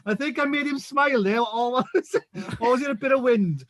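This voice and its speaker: A man with a Welsh accent, teaching Welsh words playfully and slowly on a casual video call. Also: extremely high pitch, a crowd in the background. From Wales. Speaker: guest from a mountain glamping site.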